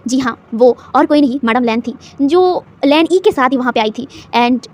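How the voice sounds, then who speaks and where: A woman's voice: high-pitched, expressive, moderate pace, a little mellow. A woman narrating a romance fan fiction story in a chatty retelling style, mixing in English words and restarting phrases.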